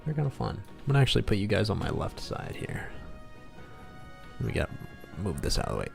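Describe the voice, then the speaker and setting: A man with a lowish, vocal-fried voice hosts a casual livestream while drawing, his pitch swooping wildly and his pace a little fast. He rambles to viewers and mutters asides to himself over background music. He's a game developer and artist.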